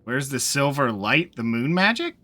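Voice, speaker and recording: A man's voice: mid-range voice, big pitch swings, moderate pace, bright, forceful tone, no echo, faint music behind. A man doing casual gameplay commentary, reading dialogue choices aloud as he plays. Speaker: video game streamer playing through a game.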